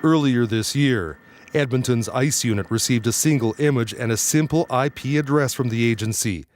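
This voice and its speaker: A man's voice: medium pitch, a little hiss or hum. Male news reporter narrating a report. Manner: measured, even reporting.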